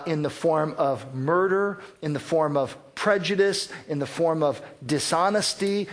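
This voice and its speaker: A man with a somewhat higher voice preaches a sermon. He speaks earnestly and sometimes repeats a word while he searches for the next thought. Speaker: pastor.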